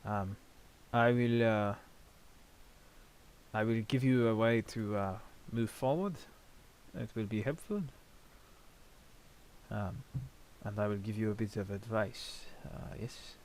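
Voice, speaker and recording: A man playing a helpful, apologetic gravedigger spirit in a tabletop game, speaking politely and formally with hesitant pauses. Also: lowish voice, a little mellow, a little hiss or hum. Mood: courteous, cautioning. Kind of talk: improvised tabletop role-play.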